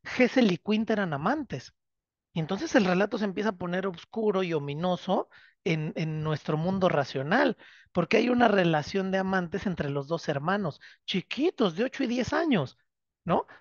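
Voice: mid-range voice, lively intonation, normal speed, dry recording. A literature teacher gives a class lecture, telling the story dramatically and often checking in with tag questions. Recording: dull, dry lo-fi recording.

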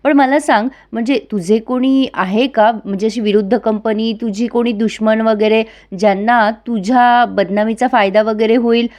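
A woman's voice: a little high, fairly even intonation, moderate pace, hardly any pauses, darkish tone, lightly acted. Woman voicing an earnest probing older man.

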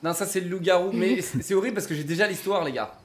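Young male streamer, slightly high voice, casual sweary game commentary over music. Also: quick pace. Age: young adult. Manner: slangy, swearing, talking to his viewers. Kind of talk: casual let's-play commentary. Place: indoors at a streaming setup.

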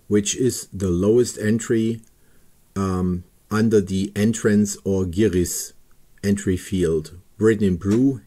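Man slowly talking through a website. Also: on the low side, warm tone. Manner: slow, careful, step-by-step with pauses and fillers. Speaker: paragliding pilot explaining a registration website. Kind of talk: screen-recorded tutorial narration.

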